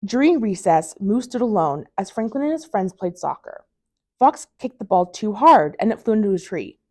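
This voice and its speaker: At a normal speed and medium pitch, a woman reads a picture book for kids with expressive storytelling, in the manner of a library storytime reader.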